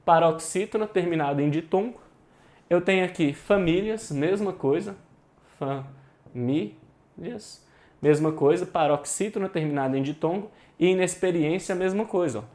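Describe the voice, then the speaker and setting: Brazilian male teacher, slightly high voice, casual and forceful, exam-prep lecture. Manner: informal and emphatic, with slang and swearing; drills points by repeating them.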